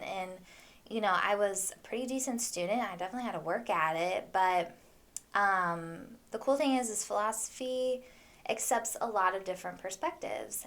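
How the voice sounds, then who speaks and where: A woman hosts a casual solo podcast in a medium-pitched voice. She talks informally and conversationally, working out her thoughts as she goes. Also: a bit bright. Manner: informal and conversational, thinking aloud. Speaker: podcast host and housewife.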